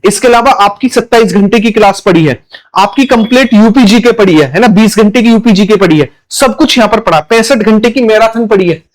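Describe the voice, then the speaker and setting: A man's voice: high-pitched, a little fast. A man teaching an exam-prep lecture, emphatic, repeating key points and answering his own questions. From India.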